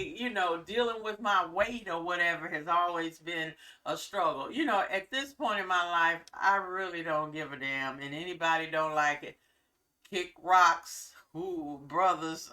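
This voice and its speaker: A middle-aged woman from the self-help world speaks with a bright, punchy voice. She coaches informally, in a blunt and folksy way, leaning on key words. The microphone sits at some distance from her. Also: fairly low pitch, normal speed, hardly any pauses. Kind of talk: informal motivational talk.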